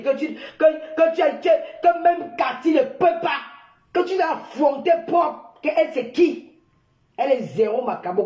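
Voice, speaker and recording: An older woman, loudly mocking and insulting someone in a heated, repetitive live-stream rant. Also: a little high. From Cameroon. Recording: echoey room.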